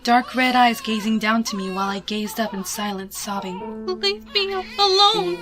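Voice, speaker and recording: A woman reads a suspense fan fiction story in a hushed, expressive, dramatic way, with music playing behind her. Her voice is medium in pitch and moves at a normal speed.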